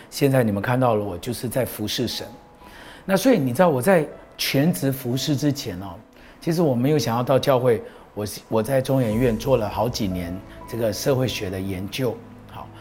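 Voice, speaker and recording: A middle-aged pastor with a medium-pitched, darkish voice gives an earnest, proclaiming preaching talk on a show, mixing in personal stories.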